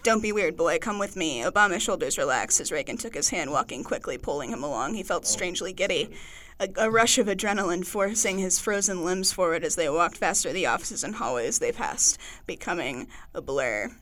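Podcaster reading fan fiction, lively pitch. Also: fairly quick. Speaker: podcast co-host.

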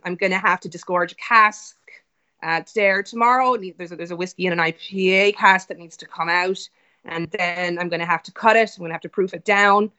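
A woman's voice: fairly low pitch, steady tone, fairly quick, bright, forceful tone. A woman speaking casually and informally as an interview guest over a web call, explaining at length. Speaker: interview guest, whiskey business founder. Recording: dull web-call audio.

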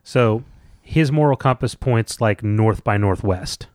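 A man's voice: on the low side, takes it slowly, dry recording, clean studio sound. A man co-hosting a casual book discussion podcast, summarizing chapters and breaking into jokey, playful bits. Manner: jokey, bursts into silly sing-song bits. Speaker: podcast co-host.

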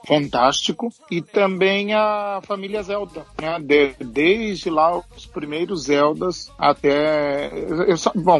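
Husky guy rambling about old games, slightly high voice, kinda meandering. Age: adult who bought his own games as a kid. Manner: rambling, reminiscing with restarts. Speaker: podcast panelist. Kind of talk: casual nostalgic chat.

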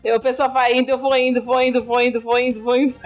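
A woman with a high voice chats casually as a podcast co-host. She speaks with a dry, teasing humor, and soft music plays faintly underneath. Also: level tone, fast.

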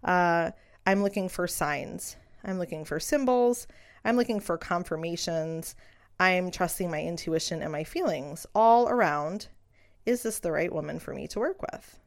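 On her own reflective podcast, a middle-aged midwife earnestly explores her beliefs in a lowish voice. She takes her time and uses soft fillers along the way.

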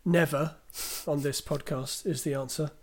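A man co-hosts a casual podcast with a voice that sits a little high. He talks in a chatty, storytelling way, walking through film scenes and stopping to read out listener questions. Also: fairly even intonation, measured pace. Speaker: podcast co-host.

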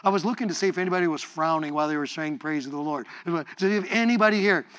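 A middle-aged male pastor preaching a sermon, playful and lively, often repeating words and leading the congregation in call-and-response praise. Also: a little high, fast.

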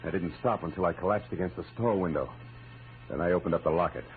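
Deep-voiced and fast, an American actor leads and narrates a 1940s-50s radio detective show as a tough, wisecracking PI, clipped and sardonic in wry, tense narration. The old recording is muffled, with music.

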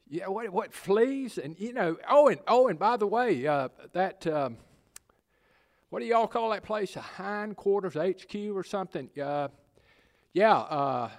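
Picture a bumbling small-town mayor with a Southern accent, tripping over his own words and padding every sentence with fillers, as a man acts him out in an improv comedy. His voice sits a bit high for a man, and he keeps apologizing without ever budging. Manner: hesitant, stammering, full of fillers.

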